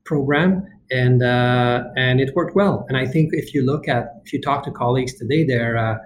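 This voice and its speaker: A man's voice: medium pitch, normal speed, slight background noise. A man in his fifties, a company executive being interviewed on a podcast, speaking earnestly and passionately, often restarting his sentences.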